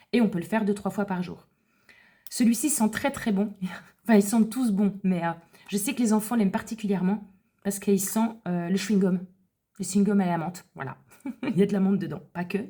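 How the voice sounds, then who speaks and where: A woman talks through a set of wellness products in a relaxed, explanatory way. Her voice is warm and dark in tone, with a soft husky edge. She talks informally and often stops to rephrase herself. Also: mid-range voice. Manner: chatty and explanatory, with self-corrections. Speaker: wellness advisor presenting essential oils for children. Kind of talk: casual product explanation to camera.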